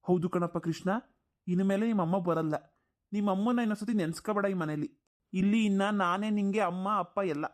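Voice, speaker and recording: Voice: medium pitch, fairly quick, natural voice. A performer doing a whiny, lazy grown son. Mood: stern. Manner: whiny, complaining. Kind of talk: cartoon voice acting.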